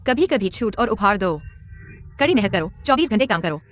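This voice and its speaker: Brisk, bossy young woman, dubbed by an actress. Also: mid-range voice, sing-song, close to an everyday voice. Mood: businesslike. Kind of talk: Hindi dub of a TV drama.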